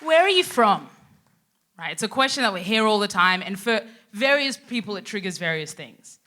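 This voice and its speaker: A young woman from Australia, telling stories on a live stage in an animated way, laughing often and asking "right?" along the way. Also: mid-range voice, moderate pace, a faint crowd. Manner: animated, laughing, frequent tag questions. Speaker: guest speaker. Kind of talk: live stand-up storytelling. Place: theatre stage before an audience.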